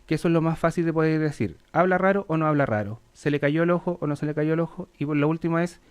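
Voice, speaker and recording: A man's voice: on the high side, steady tone, fast, smooth. A man, a paramedic explaining first aid on radio, practical, checking in often with the listener. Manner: practical, repeats "¿ya?" to check understanding. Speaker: paramedic guest.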